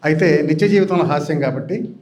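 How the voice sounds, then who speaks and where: An older man from Andhra Pradesh tells funny stories from a meeting-hall stage. His voice sits high for a man, and he slips into the voices of the people in his tales as he goes. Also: brisk, a little mellow, dull audio. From Andhra Pradesh, India. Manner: storytelling, acting out quoted voices. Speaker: speaker at a public meeting. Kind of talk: humorous anecdotes told to an audience.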